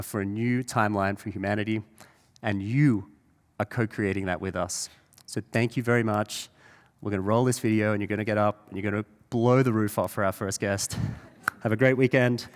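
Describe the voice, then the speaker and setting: A man with a fairly low voice hosts a live conference and delivers a stirring welcome from the stage. He speaks earnestly and builds the audience up for the first guest. A long reverb from the large hall trails behind his words. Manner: earnest, rousing address to the audience. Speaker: event host.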